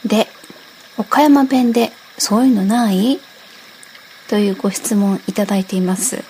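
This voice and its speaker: A woman's voice: medium pitch, unhurried, dark tone, slight background noise, rough recording. A woman from Okayama hosting a casual radio talk, reading listener requests and explaining dialect phrases by reading example lines aloud. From Okayama, Japan.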